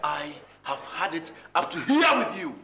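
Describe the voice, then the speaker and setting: An actor with a Ghanaian accent playing a defiant, irritable, smooth-talking young man in a film drama. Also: on the high side, very animated, unhurried, a crowd in the background. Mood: exasperated. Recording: noisy location film sound.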